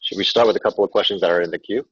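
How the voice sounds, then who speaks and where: Deep husky man moderating webinar questions. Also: very fast, dry recording, muffled recording. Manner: polite, reading questions aloud.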